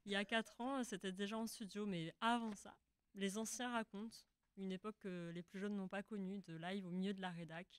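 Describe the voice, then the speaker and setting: A woman's voice: mid-range voice, steady tone, brisk, clear, resonant tone, no echo. Joking female journalist co-host. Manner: joking, self-mocking. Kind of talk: casual live chat. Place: open newsroom.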